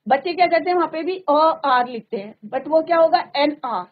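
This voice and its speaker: In a classroom studio, a woman with a high, animated voice teaches a grammar lesson at a moderate pace. She mixes Hindi and English and keeps asking the class whether they follow. The audio sounds narrow-band, like a phone.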